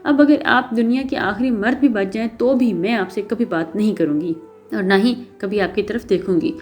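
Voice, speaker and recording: A woman's voice: fairly high pitch, darkish tone, soft background music, lightly acted. A woman voicing a spirited young heroine in a story reading, talking with indignant, emotional force. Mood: hurt. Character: spirited young woman, proud and quick to anger. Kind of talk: audiobook character reading.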